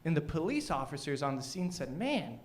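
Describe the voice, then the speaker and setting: A young man with a fairly high voice works an open mic crowd, brash and profane, needling the audience. His words come out thick and mushy, as if his mouth is full. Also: fairly quick, slight background noise. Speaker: stand-up comedian; teacher. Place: small comedy studio stage.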